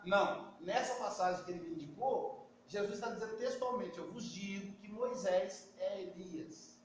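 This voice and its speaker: A Brazilian man with a Brazilian Portuguese accent telling stories in a casual talk, acting out the dialogue. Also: high voice. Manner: anecdotal, acts out dialogue. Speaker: spiritist speaker. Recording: echoey, distant, faint noise.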